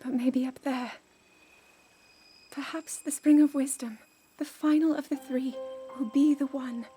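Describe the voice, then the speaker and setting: A woman's voice: high voice, fairly even intonation, measured pace, mellow, faint music behind. A woman playing an earnest, burdened teenage princess in a dramatic video game cutscene, with formal, emotive delivery. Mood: solemn, hopeful. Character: earnest, burdened sixteen-year-old princess, regal and yearning. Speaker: voice actor.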